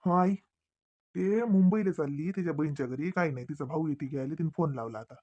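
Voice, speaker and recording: A man's voice: on the high side, quick pace, darkish tone, highs cut off, natural voice. A man voicing an easygoing, penny-pinching village farmer husband in a cartoon, with a mild, placating drawl.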